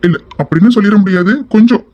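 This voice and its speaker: A man's voice: high voice, fast, dull audio. A young man voicing an affectionate, shy young man in an audio drama, speaking in an earnest, tender, pleading way. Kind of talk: amateur audio drama acting.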